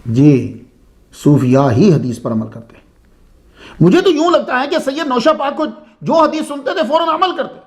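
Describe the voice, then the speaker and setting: A religious speaker tells a saint's story as a sermon-style lecture, keeping it conversational by asking listeners questions. His voice is very high with big swings in pitch.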